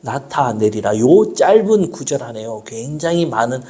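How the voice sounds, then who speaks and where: Lively pastor. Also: male voice, a little high. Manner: lively, asks the congregation questions and answers them himself; slows down when quoting scripture. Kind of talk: sermon.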